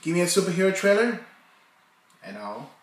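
A man's voice: high-pitched, very animated, moderate pace. A man hosting a reaction video, chatting casually and rambling, with many fillers and restarts. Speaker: reaction channel host. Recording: echoey room, distant from the mic.

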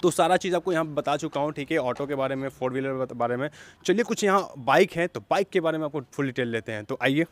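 A young man with a voice on the high side speaks quickly as he hosts an upbeat vlog at an outdoor used-vehicle lot. He uses a handheld lapel-style mic and echoes back whatever the seller answers.

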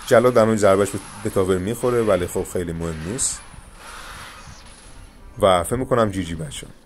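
A young man giving calm, coaching commentary over his own mobile game matches, talking straight to his viewers. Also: deep voice, soft background music. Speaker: gaming YouTuber. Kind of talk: live gameplay commentary.

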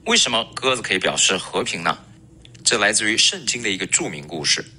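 A man teaching English pronunciation in a recorded lesson, a native Chinese speaker who models words slowly and repeats them. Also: on the low side, lively intonation, sharp tone, slight background noise.

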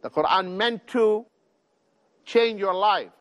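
A middle-aged man giving a televised religious lecture, exhorting his listeners in deliberate short phrases. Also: high-pitched, fairly bright tone. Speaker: Islamic preacher.

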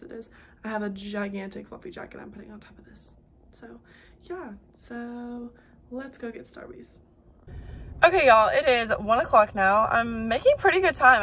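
Chatty young woman, gravelly edge. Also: mid-range voice, a bit bright, a little hiss or hum. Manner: chatty, upbeat, filler-heavy. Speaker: vlogger. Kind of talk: casual vlog chat. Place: car and bedroom. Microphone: phone at arm's length.

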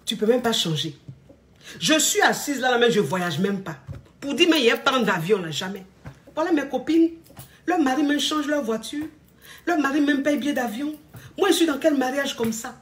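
A woman's voice: high-pitched, expressive, normal speed, roomy sound. A woman acting out an envious wife who whines and accuses her husband of giving her less than her friends get. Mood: resentful. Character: jealous discontented wife nagging her husband.

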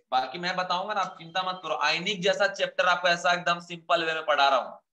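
Echoey chemistry teacher. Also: male voice, on the high side, bright, forceful tone. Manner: chatty, scolding yet encouraging, addresses students as kids. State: unwell, speaking slower and softer. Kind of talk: online exam-prep lecture.

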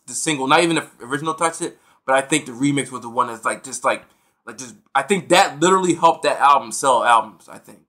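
Podcast co-host, male, excitable rambler, bright forceful tone, fairly high voice. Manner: excitable, rambling with many restarts and fillers. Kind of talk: casual chat.

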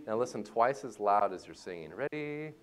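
A man leading a church music lesson for a class, joking and playful as he explains reading music and warming up voices. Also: on the low side, lively intonation, moderate pace, clear, resonant tone. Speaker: music teacher. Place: church hall.

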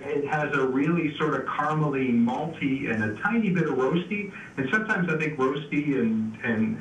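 A man's voice: mid-range voice, a bit bright. A man giving beer news on a casual radio chat. He has an easygoing manner and keeps stopping for "uh" and fresh starts. He sounds distant and roomy over a remote line, with faint noise behind him. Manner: easygoing, explains with frequent "uh" and restarts. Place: remote call into a radio show.

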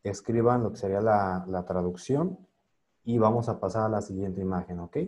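A man's voice: fairly low pitch, steady tone, moderate pace, darkish tone. A man teaching an online English class over a video call, patiently spelling out words and translating them.

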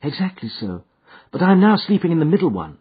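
A man voicing an anxious, eager young Victorian gentlewoman in an audiobook, with an earnest, polite manner. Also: fairly high pitch, very animated, fast talker, slightly rough, pitched above the performer's own voice, exaggerated voice. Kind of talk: audiobook character dialogue. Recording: muffled, thin phone-like audio.

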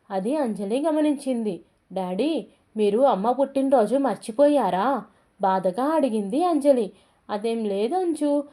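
A woman reading a family story aloud as a storyteller, voicing the characters' lines in her own gentle, even voice. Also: a little high. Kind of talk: scripted story narration.

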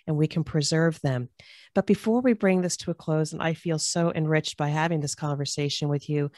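A woman's voice: low-pitched, dry recording, clean studio sound. A middle-aged woman interviewing a guest over a video call, speaking into a desk mic from a home office in an encouraging, polished way. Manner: warm, encouraging, polished phrasing. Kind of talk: friendly recorded interview. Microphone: microphone at desk on a video call.

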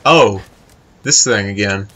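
A man's voice: on the low side, takes it slowly, bright, forceful tone, slight background noise. A man giving casual, chatty commentary while playing a video game, swearing freely and talking to the game character. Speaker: let's play host.

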